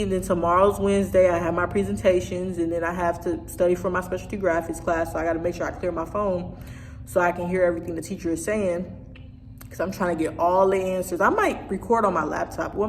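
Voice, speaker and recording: Rambling young woman vlogging, low voice. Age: 20s. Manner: rambling, restarts and trails off. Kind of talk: casual vlog talk. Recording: distant hall reverb, faint noise.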